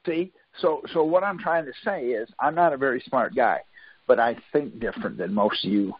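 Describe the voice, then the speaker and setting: Here a man with a slightly rough, mid-range voice speaks at normal speed while teaching a group on a conference call. He is folksy and insistent, regularly checking that people follow him. The phone-line sound is dull, lo-fi, and dry.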